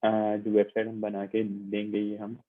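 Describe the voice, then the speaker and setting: A man's voice: lowish voice, monotone, unhurried. A man teaching a computing lab online, explaining step by step as he demonstrates on screen and checking in often with his students. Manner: patient, repetitive explaining with frequent check-ins. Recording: tinny, phone-like narrow sound.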